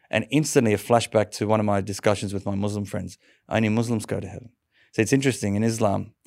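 A man, an interview guest, telling a personal conversion story in a lively way, laughing often and stumbling over restarts. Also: fairly low pitch, creaky, no echo, studio quality.

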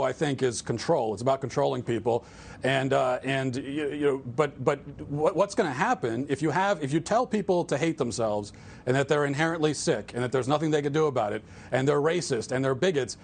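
A man's voice: mid-range voice, vocal fry. A man as an interview guest, talking earnestly and restarting his sentences often. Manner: earnest, halting with repeated restarts. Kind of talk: political interview.

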